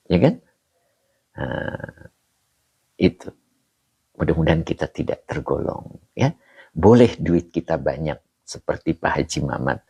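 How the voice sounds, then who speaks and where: Brief: middle-aged male religious teacher, low gravelly voice, unhurried and animated, chatting with viewers. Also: dry recording. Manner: reads comments, jokes with viewers. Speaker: kitab teacher. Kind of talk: live-streamed kitab lesson. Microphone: phone or camera on a stand.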